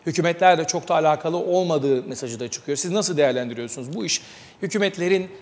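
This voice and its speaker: A man hosting a TV talk show, giving news commentary with a measured delivery and many hesitant filler sounds. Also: fairly high pitch, darkish tone, long reverb tail.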